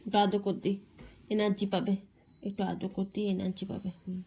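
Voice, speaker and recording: A woman's voice: medium pitch, flat delivery, brisk, gravelly, warm tone, husky, rough recording. A woman at home filming on her phone as she coaxes her pet dog in fond baby talk. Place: home indoors. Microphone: handheld phone camera.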